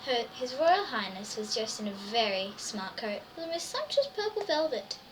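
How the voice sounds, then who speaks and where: Speaking at a moderate pace in a slightly high and very animated voice, a woman reads a storybook aloud to children with plenty of wonder and exclamation. The mic sits at a distance and picks up faint noise.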